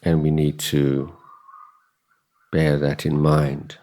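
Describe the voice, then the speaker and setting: This Buddhist teacher guides a meditation with a rumbling low voice that stays monotone yet mellow. His speech is contemplative and measured, with many pauses separating short phrases.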